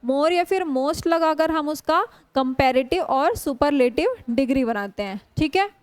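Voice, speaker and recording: A woman teaching English grammar in a classroom lecture, drawing out English words slowly and often putting questions to her students. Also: high voice, lively intonation, no echo. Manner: slow, drawn-out spelling of English words; frequent rhetorical questions to students.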